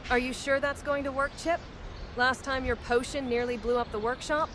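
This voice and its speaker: A woman's voice: sits high, steady tone, moderate pace, background noise, natural voice. A woman playing a practical, skeptical adventurer in a fantasy comedy, wry and exasperated. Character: practical, skeptical, dryly sarcastic female adventurer. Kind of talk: scripted fantasy comedy dialogue.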